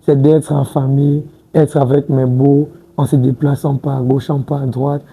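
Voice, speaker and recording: A man's voice: medium pitch, level tone, normal speed, vocal fry, dark tone, breathy edge, low-quality recording. A man in his twenties, a guest in a studio interview, talking casually and hesitantly, restarting words and often adding "tu vois un peu". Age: 20s. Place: TV studio set.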